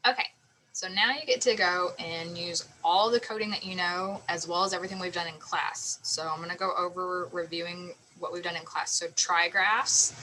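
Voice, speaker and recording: Woman teacher sounding out words slowly, bright voice, bit of hiss behind. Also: lowish voice, low-quality recording. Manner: patient step-by-step explaining, sounding out letters slowly. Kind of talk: phonics lesson.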